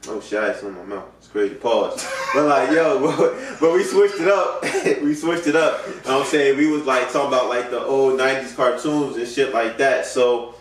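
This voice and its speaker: A man's voice: medium pitch, fairly quick, slight background noise. Male podcast host, easygoing and slangy, heard in an echoey room away from the mic. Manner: loose, laid-back slang with constant "you know what I'm saying". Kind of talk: casual podcast chat. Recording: roomy echo, mic far off.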